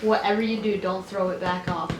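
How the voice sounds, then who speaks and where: A woman chats casually in a teasing way as the companion in a food challenge. Her pitch is average, and the room gives her voice a clear echo, with music in the background. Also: fairly even intonation, fairly quick. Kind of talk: casual chat. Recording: roomy echo, music behind.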